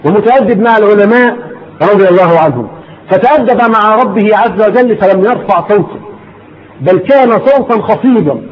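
A man with an Egyptian accent giving an Islamic lesson to a class, repeating his points and firing rhetorical questions at his listeners. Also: high-pitched. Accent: Egyptian Arabic. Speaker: religious teacher. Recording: dull lo-fi recording, faint noise.

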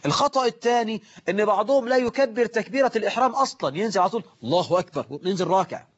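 A man preaching with an Egyptian accent and a fairly high voice, moving between brisk explanation, mimicry of worshippers, and stern scolding. The recording sounds dull and lo-fi. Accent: Egyptian Arabic. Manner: lively, mimics worshippers, scolds, slows to recite quotations. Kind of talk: religious lesson on prayer.

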